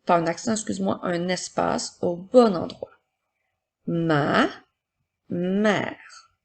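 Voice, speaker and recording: A woman teacher giving a slow, patient spelling and dictation lesson for young children, explaining step by step. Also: fairly low pitch, creaky, darkish tone, breathy edge. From Quebec, Canada.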